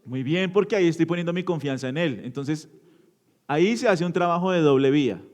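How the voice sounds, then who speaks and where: A man preaching an interactive sermon in a church, asking the congregation questions and answering them, shifting from loud emphatic bursts to low quiet endings. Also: a little fast. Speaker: pastor.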